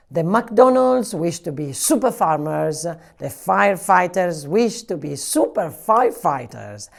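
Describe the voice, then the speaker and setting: A woman library storyteller reads a picture book aloud to children, animated and playful, acting out every sound effect. Her voice sits low and swoops widely in pitch at a slow, unhurried pace. A light gravelly fry shows at the ends of her phrases.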